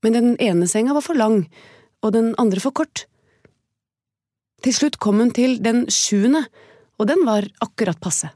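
A woman reading a fairy tale aloud as a storyteller, calm, gentle and evenly paced. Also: on the high side, long pauses, no room sound, clean studio sound.

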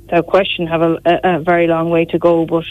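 A woman's voice: fairly low pitch, completely flat delivery, fairly quick, no echo. A woman with a west of Ireland accent talking politics in a radio interview, in a conversational way peppered with filler phrases. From Galway, west of Ireland. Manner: conversational, frequent "you know" and "like". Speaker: opposition politician. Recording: dull, dry radio sound.

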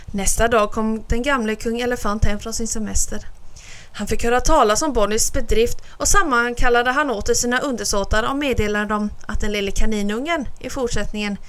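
A woman's voice: a little high, fairly bright tone. Woman reading a children's tale. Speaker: narrator.

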